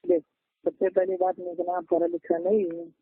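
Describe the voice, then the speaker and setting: A man's voice: high voice, fairly even intonation, moderate pace, breathy edge, no room sound. An Indian man on a phone call, arguing back defensively and interrupting with short retorts. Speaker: caller in a debate. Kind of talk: heated phone argument. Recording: tinny dry phone line.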